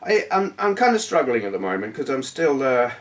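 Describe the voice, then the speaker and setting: A man with a hoarse, failing voice, hosting his gaming channel and rambling casually to camera with plenty of fillers and self-deprecating asides. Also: medium pitch, very animated, brisk, distant mic. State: hoarse, voice going. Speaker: YouTube gaming channel host.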